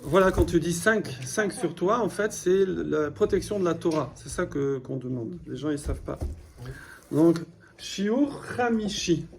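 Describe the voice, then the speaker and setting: In a slightly high, expressive, creaky voice at a measured pace, a man teaches a beginner Hebrew class in French. He explains patiently, repeats key words, and keeps checking in with his students by asking "d'accord?" There is slight background noise in this classroom lesson.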